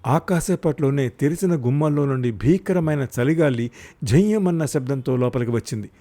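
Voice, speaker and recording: A man's voice: medium pitch, expressive, moderate pace, mellow. A man narrating a written short story aloud, reading expressively and lifting his voice for the characters' cries.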